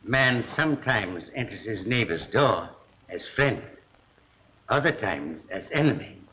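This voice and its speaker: An actor playing a dignified, secretive gentleman in a 1930s film, speaking in formal, courteous phrases. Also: on the low side, animated. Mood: probing, grave. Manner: formal, measured, courteous wording. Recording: dull, hissy vintage film soundtrack.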